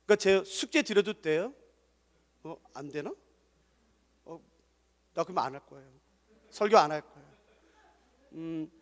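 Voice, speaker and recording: A man with a very high, lively voice preaching to a congregation, rising to loud exhortation and then dropping to soft asides. His words ring out with a long reverb in a large church hall. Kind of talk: emotive sermon.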